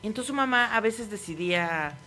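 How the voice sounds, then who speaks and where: A woman's voice: mid-range voice, animated, fairly quick, music in the background. A woman with a Mexico City accent, telling anecdotes in a casual, slangy chat. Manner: storytelling, laughing, slangy.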